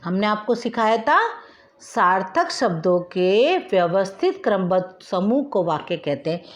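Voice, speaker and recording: In a recorded online primary school language lesson, a woman teacher with a medium-pitched, expressive voice slowly and deliberately dictates example words and sentences. She mixes English words into her Hindi.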